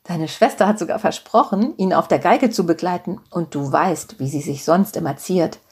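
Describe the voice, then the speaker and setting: A cheerful, pushy middle-aged mother, read aloud by a woman in a storybook reading. She talks in a brisk, bossy, scolding way, lifted a little higher than the reader's own voice. The tone is slightly husky. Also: a little mellow.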